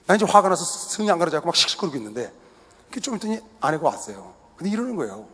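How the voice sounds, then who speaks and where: A middle-aged male pastor tells a family story from the pulpit and acts out every exchange. His voice is high, quick and husky, and it swoops widely in pitch. Long reverb from a large arena trails behind each phrase. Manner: animated storyteller who acts out family dialogue and laughs at himself. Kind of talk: sermon with personal storytelling. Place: large indoor sports arena used for worship. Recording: echoey arena hall.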